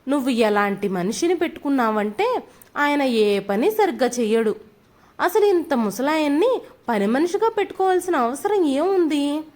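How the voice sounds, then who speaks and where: A harsh, bullying rich man barks orders in an audio storybook, as a woman narrator reads his part. The delivery sits high and swings widely as he scolds. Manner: shouting, scolding.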